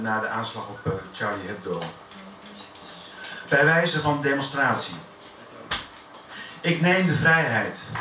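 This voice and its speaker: A man reading his poems aloud at a café poetry afternoon, reciting in a measured way with deliberate pauses between lines. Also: medium pitch. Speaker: poet. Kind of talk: poetry reading at a live event. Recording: echoey room from far off, noisy.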